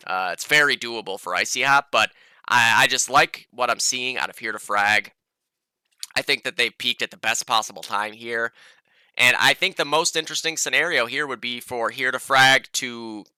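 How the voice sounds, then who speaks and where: A podcast host with a stuffy, nasal voice from a cold, giving a casual, profane preview of an esports match with plenty of fillers. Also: male voice, mid-range voice, bright, forceful tone, smooth, no room sound.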